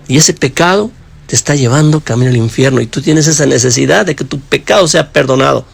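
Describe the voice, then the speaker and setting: A man with vocal fry and a slightly rough voice preaches passionately, speaking directly to his listeners. He swings between raised, high emphasis and low, hushed phrases.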